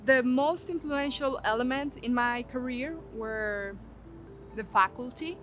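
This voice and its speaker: A young woman who is a graduate student speaks deliberately in an outdoor interview. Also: sits high, fairly bright tone, faint music behind. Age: young adult. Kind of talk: interview testimonial. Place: outdoors on campus walkway.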